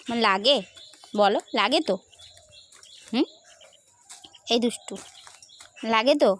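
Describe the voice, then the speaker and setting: A woman's voice: on the high side, slow pace, fairly bright tone. A woman talking playfully to her pet bird, scolding it in a mock-stern, affectionate baby talk and repeating her phrases in a singsong way.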